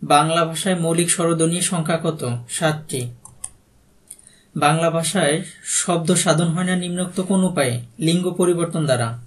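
Higher-voiced Bangladeshi male tutor. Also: moderate pace. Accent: Bangladeshi Bengali. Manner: reads each question then gives the answer plainly. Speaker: exam prep tutor. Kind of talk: reading out quiz answers with explanations.

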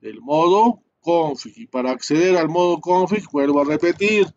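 Male instructor, higher-pitched, steps through commands slowly with fillers; dull lo-fi recording. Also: expressive, a little mellow. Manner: explains step by step, many fillers and tag questions. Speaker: networking instructor. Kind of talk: live screen-share class.

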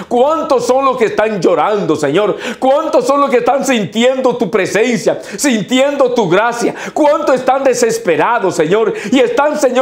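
A man's voice: high-pitched, roomy sound. A man, a priest, leading an intercessory prayer with fervent, repeated invocations.

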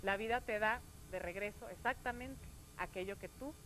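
A woman co-hosting a TV show, chatting casually and reading a short story aloud with lively acted shouts. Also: mid-range voice, moderate pace, a little hiss or hum, rough recording. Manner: chatty, animated when reading, acts out shouted story lines. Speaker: TV show co-host.

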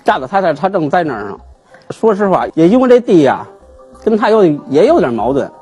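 A man, a guest telling his grievance on a TV talk show in an animated, aggrieved way. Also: high-pitched, brisk, slightly rough, faint music behind. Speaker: guest, husband seeking divorce. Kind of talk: emotional storytelling on a TV talk show.

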